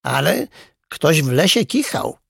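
A man's voice: very animated, unhurried, vocal fry, breathy edge, dry recording, studio quality, full character voice. A man voicing a timid, fussy male hare who teaches young hares in a children's storybook. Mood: chirpy. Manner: high-pitched, shrill when alarmed.

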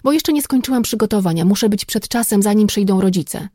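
A woman voicing a flustered woman teacher who talks in a hurried, breathless way. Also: mid-range voice, lively intonation, mellow, dry recording, studio quality, close to an everyday voice. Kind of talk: audiobook character voice.

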